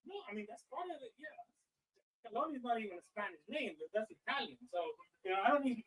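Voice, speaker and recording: A man's voice: very high-pitched, expressive, fast talker, a bit bright, low-quality recording. A man co-hosting a livestream as a sideline reporter, teasing his partner with a chuckling manner. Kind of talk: casual streaming banter.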